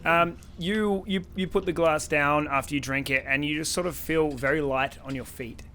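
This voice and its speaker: A man's voice: fairly high pitch, steady tone, moderate pace, bright, forceful tone, a little hiss or hum. A man narrating as game master of a tabletop game, often breaking into laughter.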